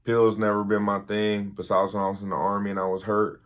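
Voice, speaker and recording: Brief: young army veteran vlogger, low-pitched, tired and rambling. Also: male voice, completely flat delivery, a little fast. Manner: laid-back, rambling with many fillers. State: tired, early morning. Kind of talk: casual storytelling.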